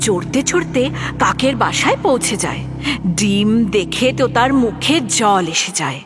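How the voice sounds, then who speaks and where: Expressive woman storybook narrator. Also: mid-range voice, normal speed, over music. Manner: expressive, addresses the young listener.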